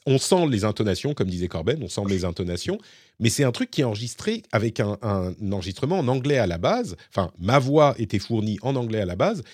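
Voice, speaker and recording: A man's voice: fairly low pitch, sing-song, fairly quick, a little mellow, slightly rough, dry recording, studio quality. A man hosting a tech podcast, explaining things in casual chat with a few fillers. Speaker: podcast host.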